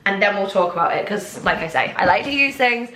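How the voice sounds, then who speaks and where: Talking to camera at home in her kitchen, a woman in her twenties from England rambles in a bubbly way, heavy on "like" and "oh my gosh." Her medium-pitched voice is lively, fairly quick and sharp, a little congested, and the space sounds echoey.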